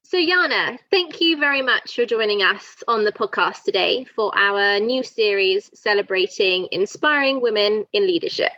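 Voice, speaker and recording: A woman's voice: mid-range voice, expressive, normal speed, few pauses, bright, forceful tone, no room sound. A woman hosting a podcast and reading a polished, prepared introduction. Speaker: podcast host. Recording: dry muffled audio.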